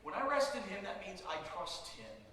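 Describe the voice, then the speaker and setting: Emphatic pastor preaching in an echoey hall. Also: male voice, sits high, wildly swooping pitch, moderate pace, distant mic, a little hiss or hum. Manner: emphatic, rising to loud repeated lines. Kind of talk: sermon. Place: large church sanctuary.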